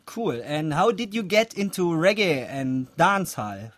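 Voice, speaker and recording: A man's voice: on the high side, very animated, measured pace, a bit bright, no echo. A man, an English speaker, interviewing a musician in an easygoing way and answering with "yeah, man.". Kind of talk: casual interview questions.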